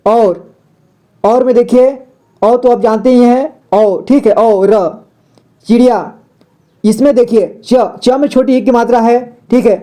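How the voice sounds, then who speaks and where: A man's voice: extremely high pitch, steady tone, measured pace, mellow. A man teaching a step-by-step reading lesson, patient, repeating words and asking the viewer questions.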